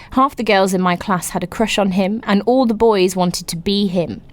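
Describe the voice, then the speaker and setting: A woman hosting a podcast, reading listener stories aloud and reacting to them with giggles and exclamations. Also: mid-range voice. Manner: animated, giggly, exclaims often. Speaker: podcast host.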